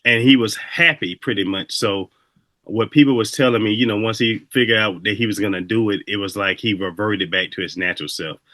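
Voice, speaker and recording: A man's voice: on the low side, steady tone, fairly quick, sharp tone, dry recording. A man hosting a casual interview, telling his own stories in a reflective, conversational way. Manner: reflective, conversational, loose storytelling. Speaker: host.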